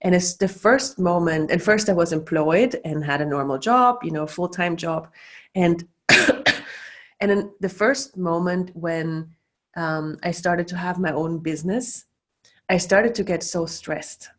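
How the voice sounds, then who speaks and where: In an unhurried, lowish voice, a middle-aged facilitator from Austria gives casual teaching talk over a video call. Her speech is loose and full of fillers and restarts.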